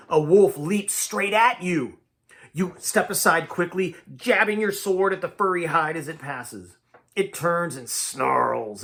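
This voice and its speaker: A man reading a choose-your-own-adventure book aloud in a dramatic, animated way. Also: on the high side. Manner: dramatic, shifting pace and volume. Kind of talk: animated storybook read-aloud.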